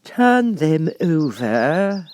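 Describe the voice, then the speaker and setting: A man voicing a furious, impatient playing-card queen in a shrill, commanding storybook voice. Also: very animated, extremely slow, darkish tone, full character voice. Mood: imperious, impatient. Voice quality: shrill, screaming.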